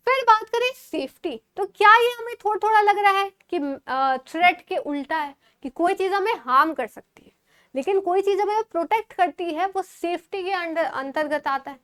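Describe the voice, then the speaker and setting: A woman teaches an exam-prep lesson in a very high voice. She poses questions and answers them herself, fondly calling her students babu. She mixes English words into her explanations. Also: a bit bright. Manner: affectionately calls students babu.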